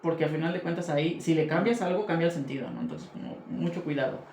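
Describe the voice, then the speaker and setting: A man's voice: a little high, fast talker, darkish tone, a little hiss or hum. A man moderating a discussion, conversational and often checking for agreement. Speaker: moderator and literature teacher. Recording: echoey room.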